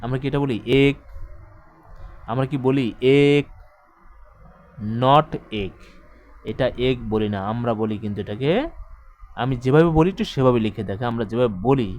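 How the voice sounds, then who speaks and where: A man's voice: mid-range voice, quick pace. A male teacher giving an exam-prep grammar lecture, explaining step by step, repeating points and quizzing his listeners with questions.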